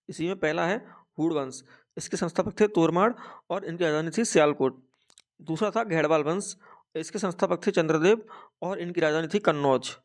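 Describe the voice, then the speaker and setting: A young man with a Hindi accent teaching an exam-prep lesson, saying each fact twice as if for dictation. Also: on the high side.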